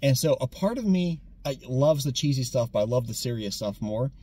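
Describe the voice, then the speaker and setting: A young American man giving a casual, animated movie review, often restarting his sentences and repeating words when excited. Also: mid-range voice, a little fast, slightly rough. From United States. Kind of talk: casual conversational film review.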